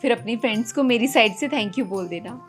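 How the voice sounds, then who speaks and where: A newly married young bride, played by a woman in a comedy skit. She stays polite and drops soft hints. Her voice is high, with faint music behind. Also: fast, lightly acted. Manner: polite, gently hinting.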